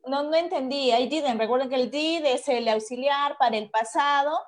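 A woman's voice: high voice, normal speed. A woman hosting an educational talk, recapping for listeners and agreeing with her guest. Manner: short agreeing replies and recaps. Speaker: host.

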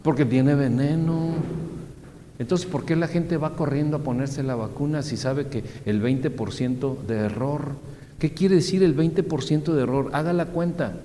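A man's voice: moderate pace, a little hiss or hum. Man preaching in a reverberant hall. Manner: asks the audience questions and answers them; swings from loud high exclamations to low soft asides. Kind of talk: sermon. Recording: long reverb, faint background ambience.

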